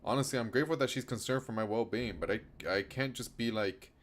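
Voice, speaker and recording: This game streamer is a fast-talking man with a medium-pitched voice. He moves back and forth between reading out the story's narration and offering offhand commentary, while noticeable background noise and rain can be heard.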